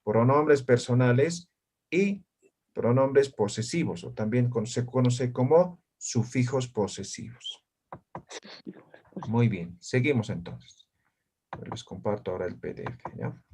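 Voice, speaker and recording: Male language teacher, patient and explanatory, mid pitch, tags each point with a quick check-in. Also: expressive, a little mellow, slight background noise. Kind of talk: online class teaching.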